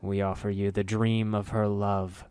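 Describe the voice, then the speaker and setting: A man voicing a cold, unapologetic rat hive mind that speaks with a measured, commanding tone. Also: fairly low pitch, level tone, a little mellow, clear, resonant tone, dry recording, natural voice.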